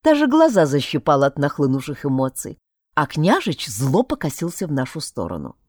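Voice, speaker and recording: A woman reading a fantasy audiobook in first person, her pitch swooping widely as she acts out the story. Her tone is dark and mellow, recorded close and dry with no room sound. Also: normal speed, dry recording. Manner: expressive, switching voices for each character. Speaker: audiobook narrator.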